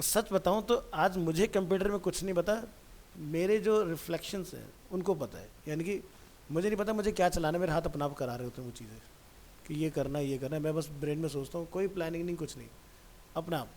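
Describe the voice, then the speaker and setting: A fairly high-voiced man teaching a computer class, relaxed and talkative, speaking straight to his student. A faint hiss runs under the recording. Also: fairly quick. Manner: chatty, digressive, addresses student directly. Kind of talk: casual classroom talk.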